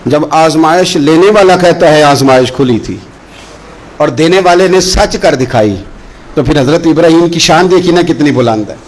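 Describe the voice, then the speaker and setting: A male preacher telling a religious story with passion, slowing into chanted recitation of verses. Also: a little high, poor audio. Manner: impassioned, slow chanted Quran recitation between stories. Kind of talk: Urdu sermon storytelling.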